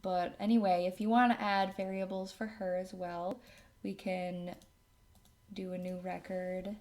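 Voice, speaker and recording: Working at a computer indoors, a woman hosts a casual software tutorial, now and then murmuring to herself. Her voice is mid-range, level, and unhurried.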